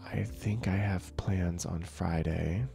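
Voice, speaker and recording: A young man talks softly and slowly in a relaxed, soft-spoken ASMR manner as he chats with viewers. His voice sits low and has a heavily gravelly, fry-filled texture. Faint relaxing music plays behind him. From northern region. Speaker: streamer.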